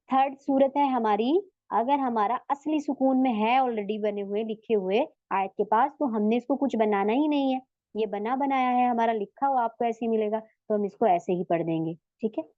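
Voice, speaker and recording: A woman teaching a tajweed lesson online, patiently explaining step by step, asking her students questions and drawing out Arabic words slowly to show them. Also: fairly high pitch, dry recording, dull audio. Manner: says Arabic letters and words slowly and drawn out for demonstration. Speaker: Quran recitation teacher.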